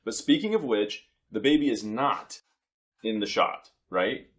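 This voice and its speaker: A man's voice: on the low side, lively intonation, measured pace. A young man co-hosting a casual chat in a rambling, wry way that often interrupts itself. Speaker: co-host.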